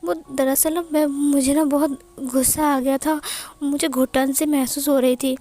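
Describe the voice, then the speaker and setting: A woman's voice: high-pitched, level tone, measured pace, mellow, soft background music. A woman doing a possessive pleading young man. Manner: pleading, stammering.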